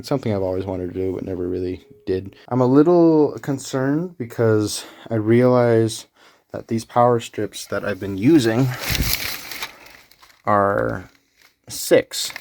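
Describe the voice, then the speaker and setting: Low-voiced young man vlogging. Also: darkish tone, slight background noise. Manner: rambling, candid, talks while working. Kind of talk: casual on-camera vlogging.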